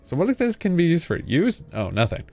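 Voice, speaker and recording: A man's voice: on the high side, huge pitch swings, fairly quick, gravelly, a little mellow, soft background music. A man giving a casual, playful game playthrough, reading text aloud and muttering asides to himself. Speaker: gaming video host.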